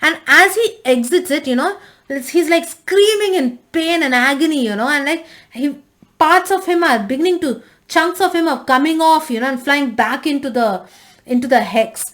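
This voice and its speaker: A woman's voice: high voice, lively intonation, moderate pace, fairly bright tone. A woman casually recapping and reviewing a TV episode, rambling with frequent restarts and fillers.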